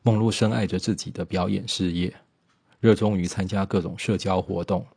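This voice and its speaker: A man narrating a biographical documentary in a steady storytelling manner, with occasional small slips. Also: low voice, normal speed, creaky, breathy edge, no room sound.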